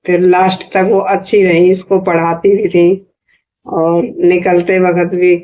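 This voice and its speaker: A middle-aged woman, the vlogger's mother, casually telling a family story in a chatty, animated way with quoted dialogue. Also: on the low side, unhurried, dull audio.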